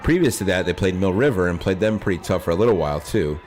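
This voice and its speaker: Deep-ish guy calling a high school football game, chatty play by play, bit of field noise. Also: lively intonation, fast, a little mellow. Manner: conversational, corrects himself aloud. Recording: noisy live outdoor field broadcast.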